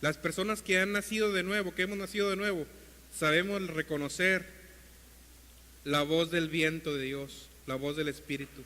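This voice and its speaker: A male pastor preaching an earnest sermon to his congregation, calling them brothers, and rising in pitch and force as he exhorts them. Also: fairly even intonation, normal speed, long reverb tail. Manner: builds to a louder, higher pitch when exhorting.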